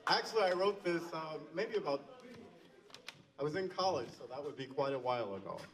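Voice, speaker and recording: A man in his fifties, a teacher at a school open mic, reading his own rhyming poem in a measured, rhythmic way, picked up from a distance in an auditorium. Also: on the high side, animated, crowd noise. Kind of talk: poetry recitation.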